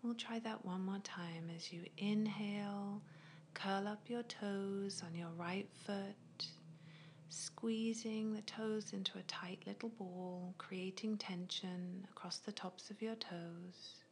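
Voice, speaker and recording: A woman guiding a progressive muscle relaxation in a soft, unvoiced ASMR whisper, with slow, gentle, soothing instructions. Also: mid-range voice, steady tone, a little hiss or hum. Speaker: relaxation guide.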